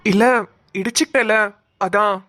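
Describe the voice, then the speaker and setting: A woman's voice: mid-range voice, a bit bright, no echo, studio quality. A woman voicing a young man, a shy childhood friend who hesitantly confesses his love. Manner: hesitant, halting speech.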